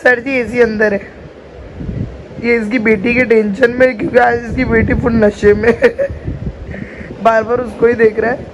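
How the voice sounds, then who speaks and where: A woman's voice: fairly high pitch, little pitch movement, a little slow, long pauses, lo-fi sound, background noise. A woman chatting casually to her viewers at home, teasing and giggling as she talks. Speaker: vlogger, co-host. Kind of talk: casual home vlog chat. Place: home, indoors.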